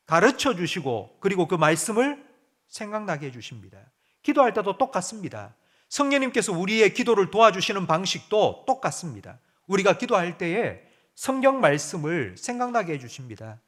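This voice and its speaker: A man preaching a sermon as pastor, asking the congregation direct questions and moving between loud urgent appeals and quiet low murmurs. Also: big pitch swings, normal speed.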